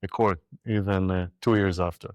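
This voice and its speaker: A man with an Israeli accent and a fairly low voice tells his own story in an interview. He speaks haltingly, pausing and adding reflective asides. The sound is close and dry. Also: fairly even intonation, no echo, highs cut off. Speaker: interview guest, army reserve medic. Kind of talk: personal account in a live interview.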